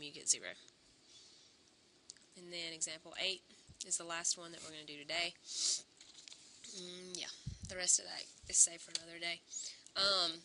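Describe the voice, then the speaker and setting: A woman teaching a calculus lesson, slightly hoarse and clearing her throat, talking through each step aloud and correcting herself as she goes. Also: on the low side, bright, forceful tone. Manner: talks through steps aloud, self-correcting. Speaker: math teacher.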